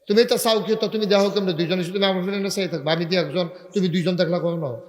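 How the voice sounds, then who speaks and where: A preacher, chanting rising lines and quizzing the crowd over a PA microphone. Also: male voice, sits high, steady tone, racing. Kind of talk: sermon with call-and-response. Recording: echoey loudspeaker sound in a large hall.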